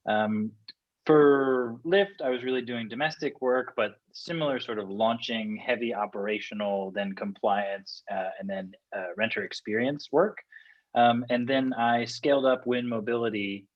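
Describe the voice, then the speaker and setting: A man's voice: mid-range voice, a little slow. A man from the United States introducing himself on a panel in a friendly, easygoing way. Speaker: panelist, operations executive. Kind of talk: casual panel talk. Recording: dull lo-fi video call audio.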